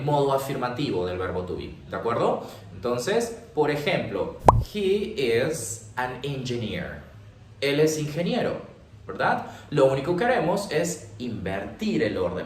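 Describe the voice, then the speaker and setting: A man teaching an English grammar lesson in Spanish with a Peruvian accent, explaining step by step and often checking in with the viewer. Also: mid-range voice. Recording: echoey room, slightly distant, faint noise.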